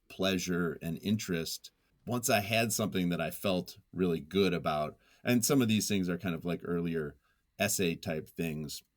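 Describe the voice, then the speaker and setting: A nonfiction writer with a deep voice is the guest here, answering questions in a reflective interview. He sounds thoughtful and self-deprecating, frequently working his way through sentences hesitantly.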